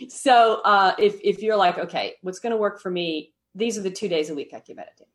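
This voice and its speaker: Medium-pitched and speaking at normal speed, a woman appears as a podcast guest to explain her meditation habits. She's friendly and explanatory, laughs lightly, and often adds "right?" to check in.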